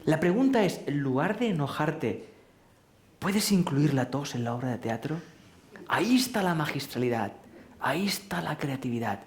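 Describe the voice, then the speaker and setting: A man giving a live talk to an audience in a large hall, speaking in a questioning, rhetorical way and gently teasing his listeners. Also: on the high side, lively intonation, normal speed. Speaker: speaker at a public lecture. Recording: roomy hall echo.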